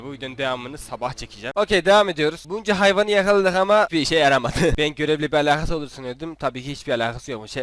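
A man's voice: medium pitch, fairly bright tone. A young man giving casual, jokey commentary while playing a video game, teasing the characters on screen. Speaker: gaming YouTuber. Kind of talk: casual Let's Play commentary.

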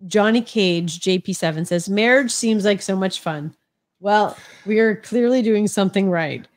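This is a livestream co-host, a sniffly middle-aged woman, reading out chat comments in a casual, teasing way. She speaks at normal speed with a medium-pitched voice.

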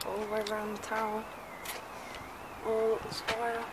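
A woman's voice: on the high side, completely flat delivery, moderate pace. Woman muttering on a windy tower. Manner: chatty, muttering to herself while climbing. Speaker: vlogger. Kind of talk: casual running commentary. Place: medieval church tower, outdoors and narrow stairwell.

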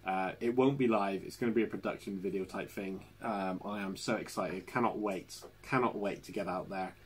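Host, man, lowish husky voice, relaxed live-stream chatter from home. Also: normal speed. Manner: chatty, warm toward viewers, laughs often. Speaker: channel host. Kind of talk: casual live stream chat. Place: home living room.

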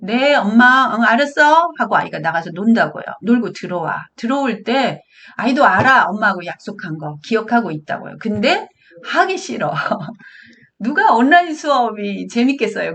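A woman's voice: medium pitch, a bit bright. A woman giving a parenting lecture, talking earnestly and straight to her listeners, now and then acting out what parents and children say. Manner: earnest, addresses audience directly, acts out parent and child quotes. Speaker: parenting educator.

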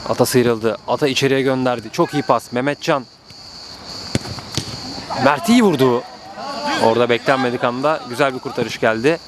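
Recorded amid the din of an outdoor pitch, a man gives energetic live football commentary. His play-by-play builds to prolonged screams each time someone scores.

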